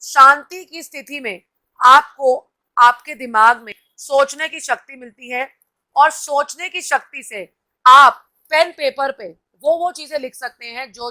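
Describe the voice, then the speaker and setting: A woman's voice: high voice, sharp tone. A woman host giving a live-stream motivational talk, coaching viewers directly and reading out their comments. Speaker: TV anchor and host.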